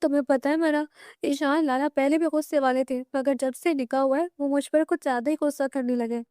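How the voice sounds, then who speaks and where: A woman's voice: sits high, steady tone, brisk, mellow, no room sound, clean studio sound, close to an everyday voice. A woman voicing a headstrong, innocent young wife in a novel reading, complaining with indignation. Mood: tearful complaint.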